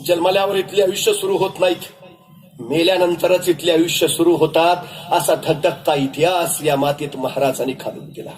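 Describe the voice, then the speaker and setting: A man's voice: on the high side, fairly even intonation, normal speed, faint music behind, low-quality recording. A man giving a dramatic, rousing storytelling speech as a motivational speaker.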